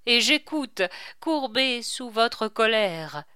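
A woman reading aloud and voicing a frightened, superstitious male king who speaks in a hushed, trembling way. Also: a little high, sing-song, slow pace, clear, resonant tone, no echo, clean studio sound, voice pushed up, exaggerated voice.

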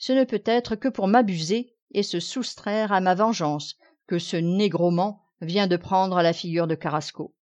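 A woman's voice: fairly low pitch, measured pace, a little mellow, close to an everyday voice. A woman reading the lines of a grandiose, solemn old knight, declaiming and commanding, on a dull lo-fi recording.

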